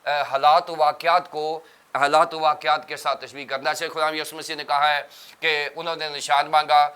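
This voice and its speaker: A male pastor speaks in a somewhat high voice with a bright, forceful edge. His tone is smooth and crisp. He lays out ideas step by step like a teacher on a TV studio panel. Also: flat delivery. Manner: teacherly, explaining terms step by step. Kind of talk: religious TV panel discussion.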